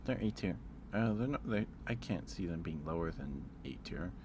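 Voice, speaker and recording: Steady noise hums behind a low-voiced man hosting a casual ASMR livestream. He speaks softly at normal speed, with a bit of rambling and some hesitation.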